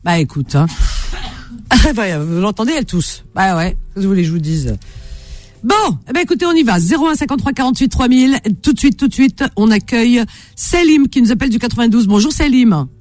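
A woman's voice: fairly high pitch, lively intonation, fairly quick, darkish tone, faint music behind. A woman hosting a radio show, cheerful and teasing, laughing often with callers. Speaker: radio host. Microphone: studio microphone.

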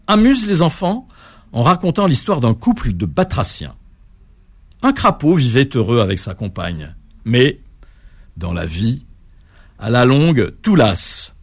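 A man narrating an animal folk tale in an expressive, measured way, lifting his voice at key moments. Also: mid-range voice. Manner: expressive, measured telling with sudden lifts. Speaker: storyteller.

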